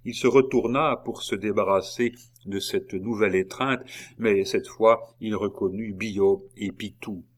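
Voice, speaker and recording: A man narrates a historical novel in a measured, dramatic reading. His voice sits on the low side and he paces the sentences with care. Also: steady tone. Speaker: audiobook narrator. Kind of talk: scripted narration.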